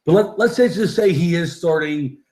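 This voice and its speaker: A man's voice: on the high side, animated, normal speed, a little mellow. A man in a casual basketball debate, questioning and arguing points like a fan on a panel. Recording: roomy echoing room sound.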